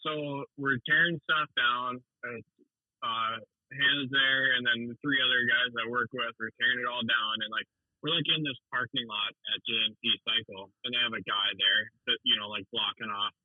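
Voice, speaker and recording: A man's voice: medium pitch, steady tone, normal speed, no echo. A man calling in by phone while driving, telling a rambling story in a casual way, swearing often and laughing between lines. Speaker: suspension tech calling in. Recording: muffled phone-call audio.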